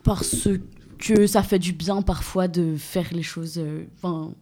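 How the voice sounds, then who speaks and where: A woman's voice: on the low side, steady tone, slow, dark tone. A woman, an activist guest on community radio, speaking hesitantly with fillers and laughing easily. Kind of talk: casual radio chat and reading a text aloud.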